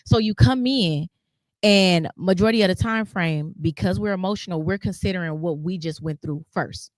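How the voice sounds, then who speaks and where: A woman talking casually as a podcast guest, animated and acting out quotes in other voices. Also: on the low side, moderate pace, dry recording.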